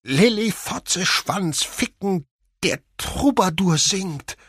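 A man voicing a young man blurting out words in shrill, loud, hysterical bursts, in an audiobook. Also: animated, slow pace, husky, dry recording, studio quality, exaggerated voice. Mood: frantic.

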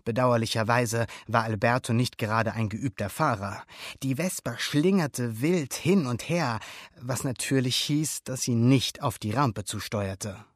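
A man narrating a storybook aloud in an expressive, animated way. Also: medium pitch, a little slow, no echo, studio quality. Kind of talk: storybook reading.

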